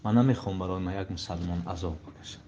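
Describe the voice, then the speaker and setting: A male preacher tells stories as a sermon. His voice surges high and loud at emotional moments, then sinks to near-whispered lows. The recording is dull and lo-fi, with a faint hiss underneath. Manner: swings from raised emotional peaks to hushed low passages. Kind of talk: sermon storytelling.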